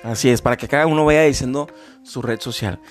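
A man's voice: medium pitch, brisk, faint music behind. A man hosting a podcast in casual chat, rambling with many fillers and restarts. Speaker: podcast host.

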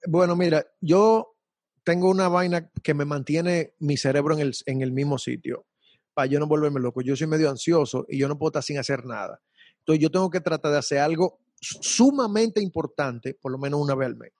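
A man's voice: a little high, fairly quick, a little mellow, no room sound, clean studio sound. A young man, a salsa singer talking casually and animatedly in an interview, full of slang and repeats. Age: young adult.

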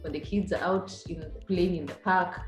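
A woman from Kenya with a Kenyan accent, chatting as an interview guest and telling stories in a casual, animated way. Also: on the low side, moderate pace. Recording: echoey room with music underneath.

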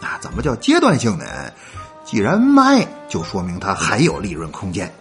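A man's voice: on the low side, wildly swooping pitch, normal speed, soft background music. A man hosting a comic folk-tale show, chatty and playful, dropping rhythmic verse and asides to listeners. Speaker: storyteller host.

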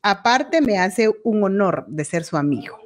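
A woman's voice: medium pitch, animated, measured pace. A woman hosting an online interview, listening attentively, affirming her guest and reading out viewer messages. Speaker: interview host.

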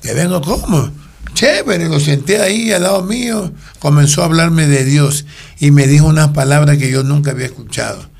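An older man gives a rambling personal testimony, often breaking off and restarting his sentences. His voice is gravelly and husky, sitting a little high for a man. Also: a little fast, a little mellow. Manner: rambling storytelling with frequent restarts. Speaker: interviewee telling his life story.

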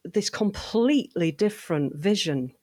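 A woman chatting as a podcast guest, animated and quick to laugh, often restarting her sentences. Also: medium pitch, dry recording. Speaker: podcast guest, fan voice actor and writer. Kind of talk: casual interview conversation.

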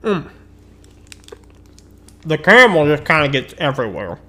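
A bright-toned man talks through a snack review in a loose, rambling way. He restarts his sentences and fills gaps with ums. He keeps chewing candy between his thoughts. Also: a little high, sing-song, a little slow. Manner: eating and chewing while he talks. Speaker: host of a candy-rating show.

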